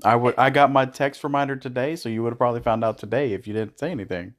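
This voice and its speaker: A man's voice: mid-range voice, quick pace. A man co-hosting a casual podcast chat with his partner, sarcastic and swearing casually. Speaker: podcast co-host.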